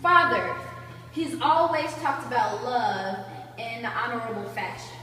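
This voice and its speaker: A woman's voice: on the high side, unhurried, pushed and bright, heavy reverb, big-room sound. A woman playing a meek, dutiful young character in an amateur Shakespeare play, in an everyday voice. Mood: earnest, unsure. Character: dutiful, meek young daughter or loyal attendant. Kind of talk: amateur student Shakespeare performance. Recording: distant microphone with clear background noise.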